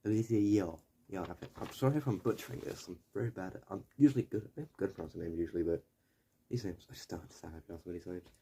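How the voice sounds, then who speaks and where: Young man, casual video essay, rambling and self-correcting, lowish mellow voice. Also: rapid-fire. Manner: digressive, self-correcting, mildly profane. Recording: faint background noise.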